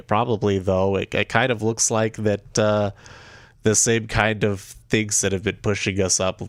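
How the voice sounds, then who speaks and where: A slightly low-pitched man chats casually as a livestream host. His nose is blocked and congested, like someone sick after nose surgery. The voice crackles with fry and sits dry, with no room around it. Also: no echo. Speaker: day trading livestream host.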